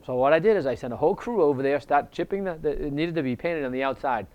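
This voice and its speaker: Guy telling a real estate story, kinda high voice, acts out the dialogue. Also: fast, dull audio. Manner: animated, acts out quoted dialogue. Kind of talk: casual storytelling advice talk.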